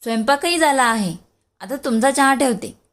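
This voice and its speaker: A shy, polite young wife in an audio story, voiced by a woman narrator. Her manner is modest and respectful, and her voice sits on the high side. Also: animated, moderate pace, fairly bright tone.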